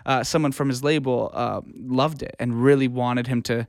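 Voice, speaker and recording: This man, a music producer and audio engineer appearing as an interview guest, speaks casually and illustrates his points with examples. His voice is mid-range and creaky, with fairly even intonation at a normal speed. The recording is studio quality and echo-free.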